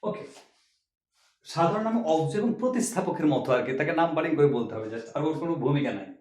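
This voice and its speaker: A man teaching a chemistry lesson with a fairly high voice. He walks through each step, repeats the key points and asks rhetorical questions. The room gives a clear echo. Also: sing-song, fast, a little mellow. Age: older. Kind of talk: classroom lecture.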